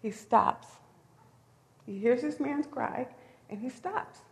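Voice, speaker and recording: A woman's voice: a little high, slow, vocal fry. A woman preaching a sermon in a conversational, storytelling way, with emphatic rises. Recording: long hall reverb.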